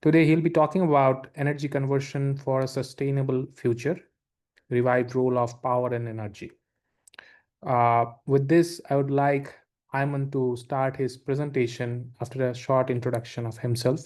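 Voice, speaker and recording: A man's voice: medium pitch, level tone, moderate pace, darkish tone. A man moderating an online forum, introducing the next speaker in a formal, scripted way. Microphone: video call.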